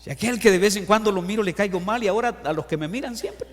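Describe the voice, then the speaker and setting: A middle-aged male pastor delivers a lively sermon with a fairly high voice. He acts out scripture and asks his congregation questions. His voice rings with the long reverb of a church hall. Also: quick pace. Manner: animated, acts out Bible quotes and stories, asks the congregation questions. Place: church sanctuary.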